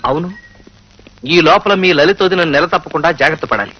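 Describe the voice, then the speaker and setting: Young husband, sharp tense voice, fast, calculating. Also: male voice, fairly high pitch. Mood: scheming. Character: young husband, eager and scheming. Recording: dull film audio with music.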